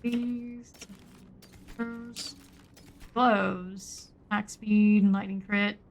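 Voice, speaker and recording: A woman's voice: mid-range voice, fairly even intonation, very slow, soft background music. A woman giving casual live gameplay commentary, muttering in short clipped fragments as she thinks aloud. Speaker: game streamer.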